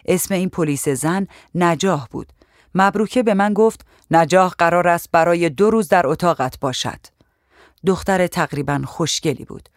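Steady audiobook narrator, dry sound. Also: mid-range voice, no room sound. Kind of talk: first-person memoir reading.

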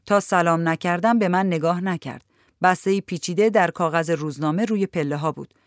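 A woman narrating a literary novel in a calm, measured storytelling voice. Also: on the low side, no room sound, clean studio sound. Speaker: audiobook narrator.

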